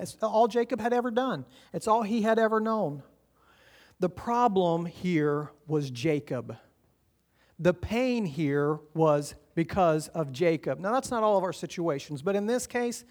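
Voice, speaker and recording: A man preaching a sermon as pastor, earnest and encouraging, swinging between loud urging and quiet, hushed lines. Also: sits high, animated, measured pace. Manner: earnest, encouraging, rises and drops in volume.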